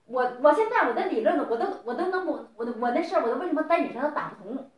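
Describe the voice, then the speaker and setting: A woman's voice: sits high, animated, racing, echoey room, muffled recording. A middle-aged woman scolding someone in a heated family argument, lecturing and firing off repeated questions.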